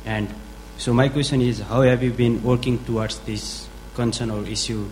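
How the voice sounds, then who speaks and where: A man from Nepal in the audience asking a halting question, full of fillers. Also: medium pitch, fairly even intonation, a little mellow, slight background noise, rough recording. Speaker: audience member.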